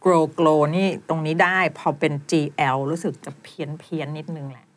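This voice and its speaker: Thai woman teacher, lowish voice, brisk corrective coaching, teasing edge. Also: steady tone. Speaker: pronunciation teacher. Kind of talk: one-on-one pronunciation coaching.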